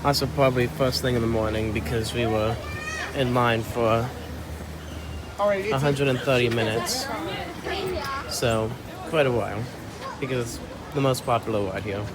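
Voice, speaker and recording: A man's voice: mid-range voice, unhurried, pauses often. A man chatting casually as a vlogger out at a busy theme park. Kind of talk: casual vlog chat. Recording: very loud crowd and outdoor noise. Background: loud crowd.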